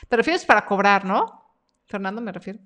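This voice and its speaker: A woman's voice: medium pitch, expressive, normal speed, fairly bright tone. A woman hosting a live stream Q&A about her freelance workshop, reading viewer comments aloud in a chatty, encouraging way.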